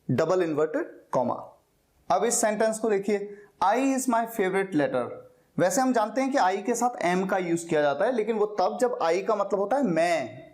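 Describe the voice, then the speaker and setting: A man's voice: sits high, darkish tone. Patient male teacher explaining step by step. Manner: patient, repeats words slowly to model pronunciation. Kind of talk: explanatory classroom lecture.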